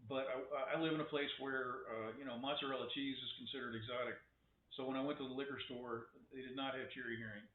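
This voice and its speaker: A man rambles through a casual webcam monologue, wry and opinionated, stumbling over restarts. His voice sits at an ordinary pitch. The sound is thin and phone-like, with an echoey room around him. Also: fairly even intonation, fast talker. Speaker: vlogger.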